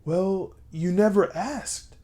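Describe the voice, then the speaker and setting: A laid-back grown man gives short, matter-of-fact answers, voiced by a man reading a story. The delivery stays level and unhurried, close to the reader's own voice. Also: high-pitched, dark tone, pitched above the performer's own voice. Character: laid-back adult man, calm and frank.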